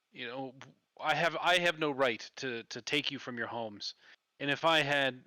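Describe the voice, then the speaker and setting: A nervous woman inventor apologizes and pleads for calm, soft and halting, as a man plays her. The tone is bright and close, with no room sound. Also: a little high, dry recording. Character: anxious, apologetic woman tinkerer, conflict-shy.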